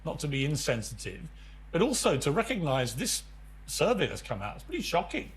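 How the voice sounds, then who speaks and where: An animated man hosts a studio debate, his pitch rising and falling with lively inflection. He probes each point and turns questions over to his guests. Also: fairly quick. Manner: probing, puts questions to the panel. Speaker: TV talk show host.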